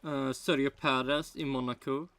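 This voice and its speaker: A man's voice: medium pitch, steady tone, normal speed, gravelly, fairly bright tone, dry recording. A man from Sweden with a Swedish accent, a native Swedish speaker, rambling in casual reaction commentary with broken English and many restarts. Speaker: streamer reacting to a video.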